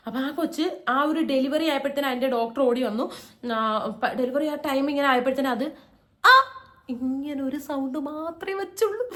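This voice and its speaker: A young woman tells her own story to the camera in a loose, chatty way, slipping into other people's voices for quoted lines. Her voice sits somewhat high. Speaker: vlogger. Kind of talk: casual storytelling vlog.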